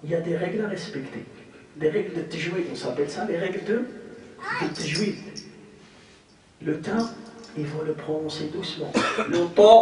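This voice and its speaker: High-voiced teacher in an echoey hall. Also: male voice, slight background noise. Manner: repetitive, emphatic, demonstrates pronunciation, asks rhetorical questions. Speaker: religious teacher. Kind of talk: religious lesson to a group. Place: hall of a community association. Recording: echoey hall, mic far off.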